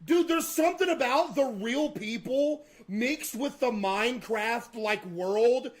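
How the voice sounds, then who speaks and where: A man's voice: extremely high pitch, slow. A man streaming casual live reaction commentary, exclamatory and incredulous in manner.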